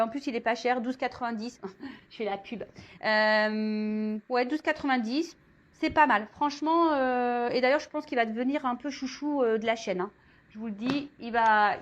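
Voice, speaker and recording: A woman's voice: a little high, dull audio. A woman doing a casual tarot and crystal reading, chatty and full of asides to her viewers. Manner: chatty, many fillers, warm asides to viewers. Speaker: tarot reader. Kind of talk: casual spoken card reading.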